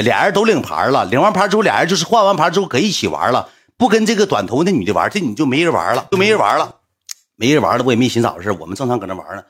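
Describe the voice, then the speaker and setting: A man's voice: fairly high pitch, a bit bright, slightly rough. A man, telling a story in a chatty, colloquial way. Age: 20s. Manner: chatty, colloquial, recounts with acted-out quotes. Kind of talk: casual spoken storytelling.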